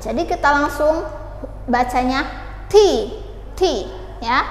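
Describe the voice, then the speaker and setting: Young woman teacher, high voice, talks slow, patient, drills words for beginners, echoey room. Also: slight background noise. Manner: patient, asks and answers her own questions, models pronunciation slowly. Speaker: English teacher. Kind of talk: beginner language lesson. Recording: echoey room with long reverb, faint ambience.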